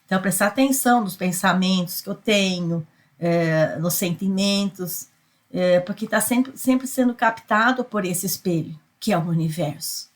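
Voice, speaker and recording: A woman's voice: medium pitch, normal speed. A middle-aged woman with a Brazilian Portuguese accent, a psychoanalyst giving a conversational motivational talk, repeating herself and ending lines with tag questions. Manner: repetitive, tag questions, many fillers. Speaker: psychoanalyst and spiritual speaker.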